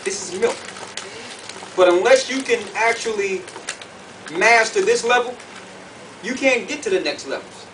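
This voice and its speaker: In a conference room full of listeners, a man with a high-pitched, fairly bright voice teaches a sermon at an unhurried pace. He pauses often and uses lively intonation, repeating phrases emphatically and asking his audience questions. The mic is far from him, and clear room noise runs underneath.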